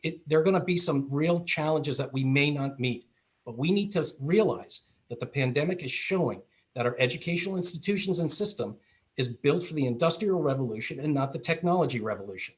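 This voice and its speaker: A man running for Congress, giving a measured answer in a virtual forum, with some restarts. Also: a little high. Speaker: congressional candidate. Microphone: video call.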